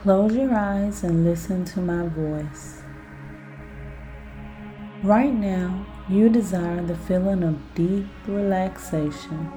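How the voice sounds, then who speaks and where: A woman guiding a self-hypnosis relaxation in a soothing, deliberate manner, like a sleep story narrator. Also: fairly low pitch, dark tone, soft background music. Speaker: podcast host and relaxation guide.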